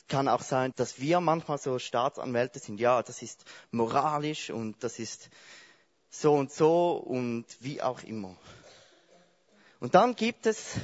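A man delivers a sermon at an unhurried pace, telling the story in a lively way and asking his listeners questions. The recording sounds a little dull and lo-fi. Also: medium pitch. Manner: lively storytelling, addressing the congregation directly. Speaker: preacher.

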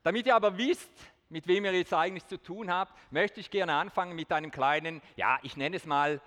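A man's voice: sits high, a little fast, fairly bright tone. A man giving a testimony talk to a hall audience, earnest with light self-mocking jokes, speaking standard German. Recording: long hall reverb.

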